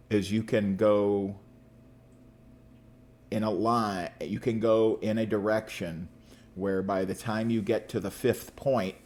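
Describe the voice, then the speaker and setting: Man, low voice, casual podcast co-host, rambling, lots of ums. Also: a little mellow. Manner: rambling, halting with many fillers. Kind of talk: casual chat.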